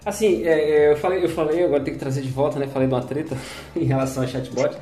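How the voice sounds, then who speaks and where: A man hosting a casual panel chat, telling stories in animated, rushed bursts. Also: a little high, roomy sound, faint music behind.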